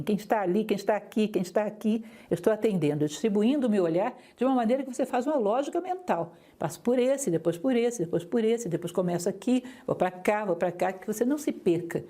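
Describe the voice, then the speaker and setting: A woman lecturer teaching public speaking, talking straight to her listeners with lively, varied intonation. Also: medium pitch. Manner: didactic, lively intonation, addresses listeners directly.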